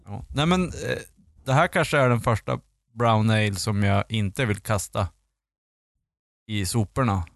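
A man's voice: lowish voice, creaky, no room sound. Joking man in a dry room. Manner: jokey, laughs at own quips. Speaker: podcast co-host. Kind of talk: casual chat.

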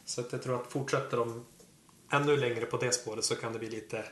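A man's voice: medium pitch, fairly even intonation, slight background noise. A man co-hosting a casual podcast chat, thinking aloud in short fragments. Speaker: podcast co-host. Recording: roomy echo.

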